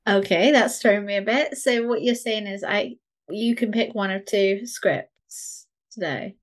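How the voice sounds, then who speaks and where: A woman with a mid-pitched voice chats casually as a co-host. She is wry and understated in the way she responds. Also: measured pace. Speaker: podcast co-host. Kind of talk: casual chat.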